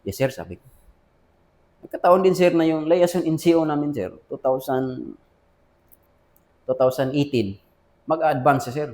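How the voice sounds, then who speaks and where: An army officer with a Filipino accent reflects on his career in an informal interview, repeatedly saying sir and recreating past dialogue. His voice is fairly high with a darkish tone, at a moderate pace with frequent pauses.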